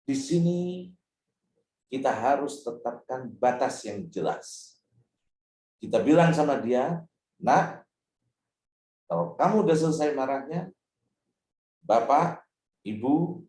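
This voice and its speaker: A male Islamic preacher giving a parenting lecture, animated and speaking directly to the parents in his audience. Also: a little high. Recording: roomy hall, mic at a distance.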